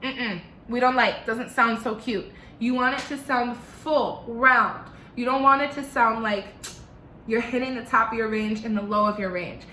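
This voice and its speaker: A woman's voice: fairly high pitch, a little slow, bright, forceful tone, reverberant, slight background noise. A young woman with a slight lisp teaching an online singing lesson from her living room, giving step-by-step instructions.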